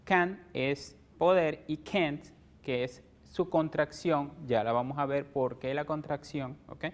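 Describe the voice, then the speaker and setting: A man's voice: a little high, fairly even intonation, slow. A man with a Venezuelan Spanish accent teaching an English grammar lesson, explaining step by step and checking in with "ok?" after nearly every point. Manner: explains step by step, ends phrases with "¿ok?". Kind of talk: televised classroom lesson.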